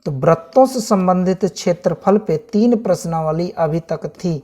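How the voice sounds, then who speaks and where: A man's voice: high voice, moderate pace, a little mellow. Man, teacher, casual syllabus walkthrough, repetitive listing, friendly address. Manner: repeats items, addresses viewers as friends.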